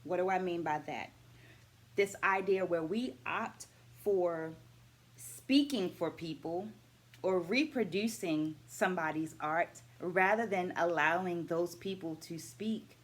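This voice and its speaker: In a calm vlog, a middle-aged woman in dance education reviews her takeaways from a book, her fairly low voice moving through points arranged as lists. Along the way she questions viewers and invites their comments.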